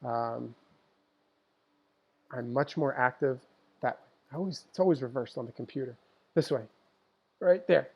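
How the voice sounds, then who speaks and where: A man's voice: medium pitch, a little slow, creaky, pauses often, slightly rough. Fired-up man on a dull live stream. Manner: passionate, emphatic, repeats points. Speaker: dog trainer. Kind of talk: live-streamed talk to viewers. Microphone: computer mic for a live stream.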